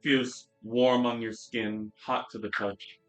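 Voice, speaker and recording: A man narrating as game master for a tabletop game, relaxed and descriptive with frequent fillers. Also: mid-range voice, slow pace, faint music behind, rough recording. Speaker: dungeon master.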